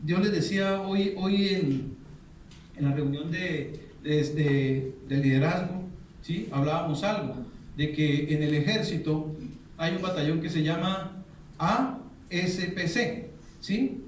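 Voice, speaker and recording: A man preaches a sermon, asking the congregation questions for them to finish. His slightly high voice carries through a very echoey church hall, picked up from a distance with a faint background hiss. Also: slow. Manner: asks the congregation fill-in questions. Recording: very echoey hall, mic far off.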